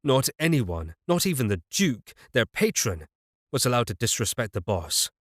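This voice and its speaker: A man's voice: medium pitch, big pitch swings, normal speed, no room sound, clean studio sound. A man narrating a fantasy audiobook in the first person, telling it evenly with a wry touch.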